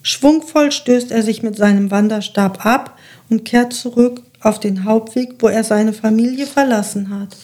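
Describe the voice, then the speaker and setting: A woman narrating a children's fairy tale in a calm, measured reading voice. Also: fairly high pitch. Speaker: storyteller.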